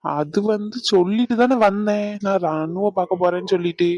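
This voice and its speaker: A voice actor playing a cheeky young grandchild in a cartoon who questions quickly. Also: medium pitch, darkish tone, dry recording, natural voice. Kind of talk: cartoon voice acting. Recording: dull lo-fi sound.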